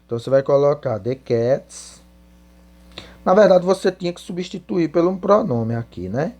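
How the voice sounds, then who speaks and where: A man's voice: fairly high pitch, animated, normal speed, darkish tone. A man teaching English in Portuguese, spelling out English answers word by word and then translating them. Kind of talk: slow classroom explanation.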